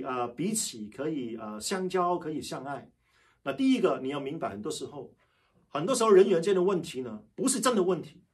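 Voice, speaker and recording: A man preaching a sermon, telling personal stories and repeating key phrases with emphasis. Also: sits high. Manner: talks loud and fast by his own account.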